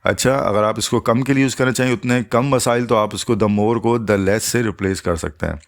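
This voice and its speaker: This man, speaking in a lowish voice, explains English grammar patiently and step by step. He eases his pace to spell out every English example.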